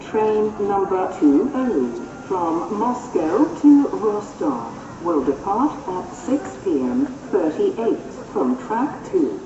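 A woman making formal, scripted public-address train announcements in a clipped, phrase-by-phrase airport announcement style. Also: lowish voice. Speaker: railway station announcer. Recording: dull, distant, echoing, noisy station loudspeaker.

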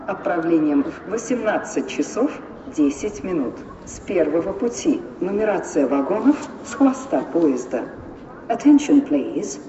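A woman making formal, scripted public-address train announcements in a clipped, phrase-by-phrase airport announcement style. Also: fairly low pitch. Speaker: railway station announcer. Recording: dull, distant, echoing, noisy station loudspeaker.

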